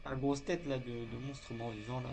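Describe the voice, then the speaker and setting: A male let's play host with a medium-pitched voice commenting casually on his game. He talks informally, as if to himself, with loud music playing behind him. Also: flat delivery, normal speed.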